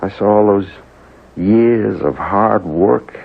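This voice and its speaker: An anxious, defensive shopkeeper in a 1970s radio drama, with a gravelly, husky voice. He hesitates and stammers often. The sound is muffled. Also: lowish voice, slow, exaggerated voice. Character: troubled hungover male shopkeeper, anxious, defensive.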